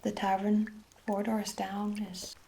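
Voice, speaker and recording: An Irish woman performs an ASMR role-play as a gentle fantasy hair sorcerer. Her delivery is soft and even, with a crackly, creaky edge and deliberate, archaic wording. A faint noise and small clicks sit behind her voice. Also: medium pitch.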